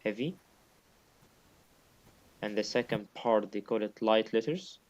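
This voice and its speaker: A man's voice: lowish voice, little pitch movement, normal speed, darkish tone, dull audio. A man teaching recitation in a one-on-one lesson, patiently repeating his points and sounding out examples himself.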